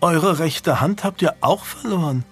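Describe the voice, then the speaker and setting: A man's voice: fairly high pitch, a little slow, breathy edge, soft background music, voice pushed up. A man reading an audiobook voices a young medieval lord who speaks in a mocking, cutting way. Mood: sardonic. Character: young medieval lord, sharp-tongued and protective.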